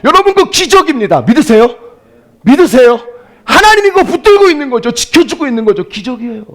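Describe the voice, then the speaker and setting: High, lively-voiced Korean pastor. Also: male voice, fast. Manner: swings from soft storytelling to loud emphatic exclamations; addresses congregation directly, asks rhetorical questions. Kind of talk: sermon.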